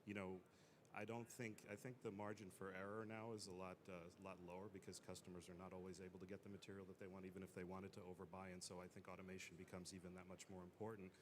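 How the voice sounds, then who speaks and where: A man's voice: deep voice, level tone, background noise. A man answering as a guest on an industry panel, speaking with many fillers and restarts. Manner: fast-talking, filler-heavy.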